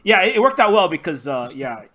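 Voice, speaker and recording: A podcast host from Hawaii talks in a loose, rambling way, circling back and restarting his sentences often. His voice sits a little high for a man. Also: very animated, crowd noise. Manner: rambling, halting, many restarts. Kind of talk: casual podcast chat.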